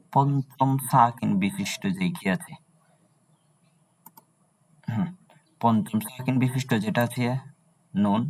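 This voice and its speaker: A deep-voiced man with a Bangladeshi Bengali accent gives a lecture on Arabic meter. He keeps asking rhetorical questions and answering them himself. He chants the meter's syllables slowly and drawn out. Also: a little mellow, a little hiss or hum. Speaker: Arabic prosody teacher. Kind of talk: classroom lecture.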